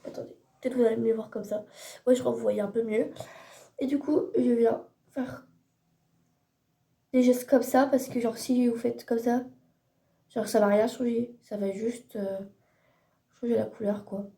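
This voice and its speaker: A woman's voice: on the high side, fairly even intonation, normal speed, creaky, pauses often, mellow, roomy sound. A teenage girl giving a casual makeup tutorial at home, chatty and hesitant, searching for words and correcting herself. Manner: chatty, hesitant, many fillers and self-corrections. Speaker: beauty vlogger.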